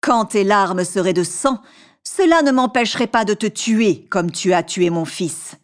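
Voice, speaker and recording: A woman's voice: medium pitch, animated, measured pace, lightly acted. A woman voicing a merciless ancient genie. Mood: stern. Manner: stern, relentless.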